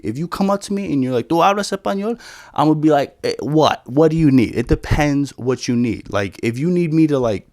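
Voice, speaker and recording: A man's voice: mid-range voice, no echo, studio quality. A young man telling a comic story in a rant to camera, acting out the voices of the people in it. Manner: animated storytelling, acts out quoted voices. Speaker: comedian. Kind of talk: stand-up style rant to camera.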